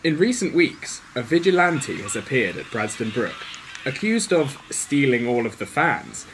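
A man's voice: medium pitch, big pitch swings, a little slow. A man reading a news report in a mock-serious announcer manner. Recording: noisy recording.

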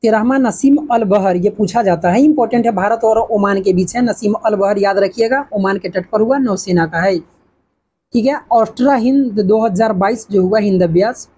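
A woman's voice: medium pitch, moderate pace, dark tone, breathy edge. A woman teaching an exam-prep lesson, asking questions and answering them herself. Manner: repetitive, asks and answers her own questions.

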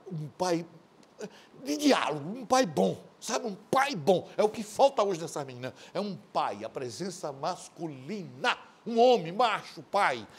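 A man hosting a TV show, delivering loud, mocking studio commentary, shouting at times and acting out quoted voices. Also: fairly high pitch, husky. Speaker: TV host.

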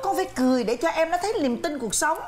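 An actress playing an excitable, scolding mother of grown daughters, in a family sitcom. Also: high-pitched, fast, a little hiss or hum. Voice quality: scolding, exclamatory, laughing through lines. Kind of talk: sitcom acting.

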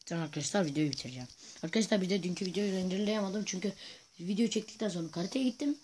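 A male gaming host giving playful, excitable commentary over his own gameplay, often chanting silly repeated sounds. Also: high-pitched, very fast, slight background noise.

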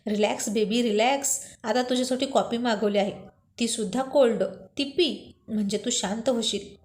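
A woman reading a teasing young boss, high and light. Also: darkish tone, lightly acted. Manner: playful, coaxing lines read slowly. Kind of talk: storybook reading.

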